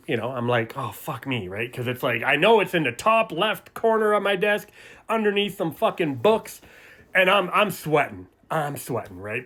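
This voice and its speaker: Middle-aged male vlogger, casual swearing storyteller, lively and a bit high-pitched. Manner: profane, animated storytelling that acts out voices. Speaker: sobriety vlogger.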